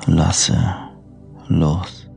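A man narrating a sleep meditation like a bedtime storyteller, hushed and unhurried, with long pauses between short phrases. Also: low-pitched, level tone, creaky, music in the background. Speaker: podcast host and meditation narrator.

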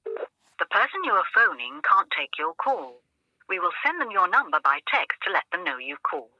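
A woman's voice: lowish voice, big pitch swings, normal speed, no echo. A woman's recorded voicemail announcement, heard over a phone line, in a formal prompt manner.

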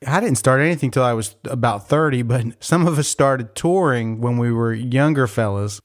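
A man's voice: medium pitch, moderate pace. A man of forty-nine interviewing a musician in a friendly, conversational way. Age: 40s. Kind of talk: casual interview questions.

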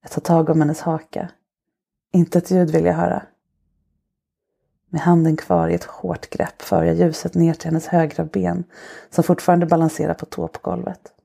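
A woman narrates an adult short story for her podcast, her low voice heavy with gravelly fry. She reads slowly and softly, with an intimate hush, and her tone stays dark and mellow throughout. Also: little pitch movement. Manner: slow, soft, intimate storytelling. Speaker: podcast host.

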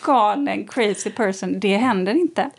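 A woman in casual conversation, telling a personal story in a lively way and acting out what people said. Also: medium pitch, vocal fry, husky. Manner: animated storytelling, acts out quoted lines. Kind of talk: casual chat.

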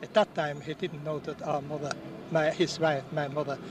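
Recorded from a distance at an outdoor public ceremony, with street noise all around, an Austrian-born veteran in his seventies shares his memories. He speaks earnestly and haltingly in a flat, slightly high voice.

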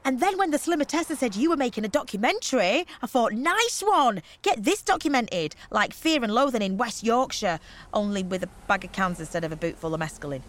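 A woman voicing a brash, loud party girl who talks in slang and swears casually. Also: on the high side, animated, fairly quick. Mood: cheeky. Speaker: trip organiser.

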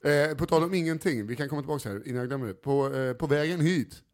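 A man co-hosting a casual podcast, telling stories in a wry, quick way. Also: on the high side. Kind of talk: casual chat.

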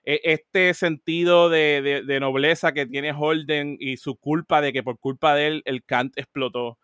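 Animated man, slightly high voice. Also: measured pace, smooth, no echo, studio quality. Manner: animated, mixes English words into Spanish, frequent restarts. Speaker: podcast co-host. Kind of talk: casual discussion of a TV series.

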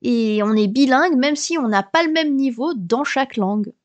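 A woman in her thirties or forties, from France, hosts a podcast with a high, light voice. She talks in a chatty, explanatory way with a touch of humour. The recording is close and dry, with no room sound. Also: lively intonation, normal speed, no echo. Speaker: podcast host. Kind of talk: scripted podcast monologue.

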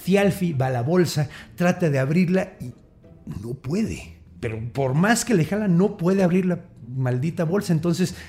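A man with a Mexican accent, hosting a podcast and retelling a myth in a chatty, gossipy, animated way. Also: a little high, measured pace, soft background music. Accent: Mexican Spanish. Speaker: storyteller host. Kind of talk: casual storytelling podcast.

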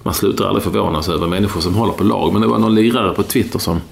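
Casting note: very low, heavily gravelly man, blunt and rambling, casual football chat, faint hiss. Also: steady tone. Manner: rambling, blunt, with many fillers. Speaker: podcast co-host.

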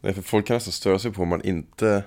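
A man's voice: sits low, fairly even intonation, a little mellow. A man, chatting casually. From Lidköping, western Sweden. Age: 20s. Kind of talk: casual chat.

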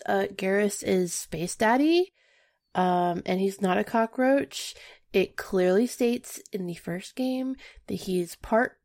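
A woman co-hosting a casual podcast chat, telling stories in an animated way. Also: mid-range voice. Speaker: podcast co-host.

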